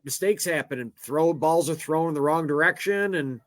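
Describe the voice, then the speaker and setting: A man's voice: fairly high pitch, a bit bright. Blunt man chiming in on football. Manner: chimes in with quick blunt opinions. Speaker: sports betting podcast co-host. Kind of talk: casual sports picks chat.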